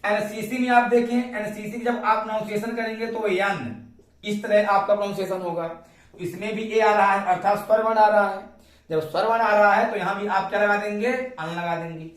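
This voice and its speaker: A man's voice: high voice, steady tone, moderate pace, far from the mic. Indian man teaching grammar in an echoey room. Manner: repeats questions to students. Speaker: English teacher. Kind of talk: classroom grammar lesson.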